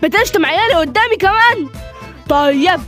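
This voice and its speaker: A woman's voice: very high voice, lively intonation, fairly quick, fairly bright tone, soft background music, voice pushed up. A woman doing a bossy Egyptian stepfather. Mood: scolding. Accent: Egyptian Arabic. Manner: scolding, barking orders. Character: bossy, stingy middle-aged stepfather.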